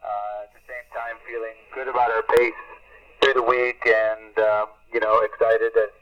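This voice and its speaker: A man giving an earnest, unhurried field report over a walkie-talkie radio link, ending each turn with "over" and often pausing with "uh". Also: fairly low pitch, level tone, a crowd in the background. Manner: earnest, unhurried, with many "uh" fillers. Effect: heard over a walkie-talkie radio link. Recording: dull lo-fi radio transmission.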